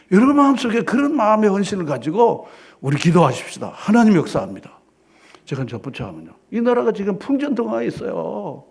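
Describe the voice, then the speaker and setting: Male pastor in church: husky, slightly high, preaches with loud declarations and hushed asides. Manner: emphatic preaching with rhetorical questions. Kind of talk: sermon.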